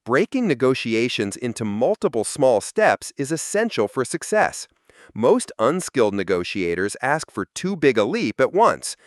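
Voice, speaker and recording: A man reading a scripted explanation in an even, explanatory delivery. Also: mid-range voice, normal speed, no room sound, clean studio sound. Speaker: narrator. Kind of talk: scripted narration.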